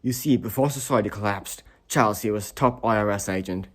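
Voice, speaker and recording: A man playing a wise older father who mentors his son in kung fu, speaking slowly and grandly in an amateur comedy film. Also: lowish voice, natural voice. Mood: explaining. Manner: solemn, slow and grand.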